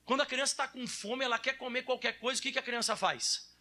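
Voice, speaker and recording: A man in his thirties preaching as a pastor in church, lively and animated, acting out children's whiny voices. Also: very high-pitched, fast talker. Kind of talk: sermon.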